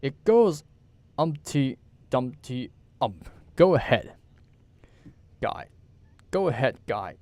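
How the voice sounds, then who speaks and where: A man's voice: mid-range voice, big pitch swings, slow, long pauses, warm tone, no echo. A man doing a brittle, falsely cheerful wife. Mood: chirpy.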